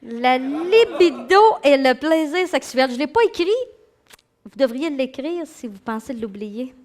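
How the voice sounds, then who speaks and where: A middle-aged woman with a Québécois accent gives an animated talk as a psychologist, addressing her audience directly and acting out inner voices. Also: high voice, a little slow. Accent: Québécois French. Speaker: psychologist and speaker giving a talk. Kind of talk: lively lecture to an audience.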